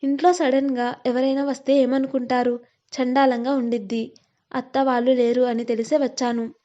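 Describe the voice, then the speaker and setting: A young bride-to-be, tender with her family and sharp in her comebacks, played by a woman narrator. Her voice is high and mellow, told as a storybook. The sound is somewhat dull and lo-fi. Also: level tone, natural voice. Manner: quick retorts.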